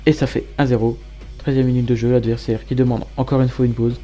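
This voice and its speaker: A man giving matter-of-fact play-by-play commentary as a gamer over his own match highlights. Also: flat delivery, fast, mellow, faint music behind. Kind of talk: gameplay commentary.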